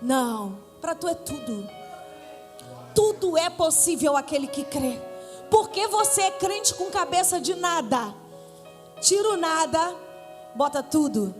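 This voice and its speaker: A high-pitched woman pastor with a Brazilian accent leads a Pentecostal sermon, teasing her congregation with riddles and building to shouted declarations. Her voice rings out in a church hall with a long reverb tail. Faint music plays behind her. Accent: Brazilian Portuguese.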